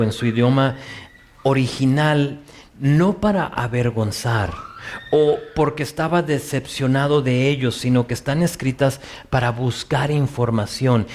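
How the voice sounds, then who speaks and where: A man with a Mexican Spanish accent preaching a sermon, speaking slowly and deliberately, and asking questions in a soft, compassionate way. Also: medium pitch. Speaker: pastor.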